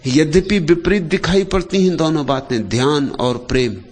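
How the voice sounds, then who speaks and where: A man giving a spiritual discourse in short, deliberate phrases, pausing often and letting his voice sink low and soft at the end of each thought. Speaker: spiritual speaker.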